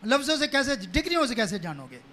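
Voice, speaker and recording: High-pitched bright preaching pastor. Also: male voice, sing-song, quick pace. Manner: preaching, rising to shouts and emphatic repetition. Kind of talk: live sermon with call and response.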